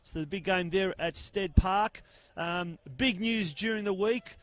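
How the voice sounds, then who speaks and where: An Australian man commentating a live football match, talking in a rambling way with lots of fillers and getting loud at near-misses, cold enough that his jaw clicks. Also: sits high, measured pace, no echo. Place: outdoor grandstand commentary spot.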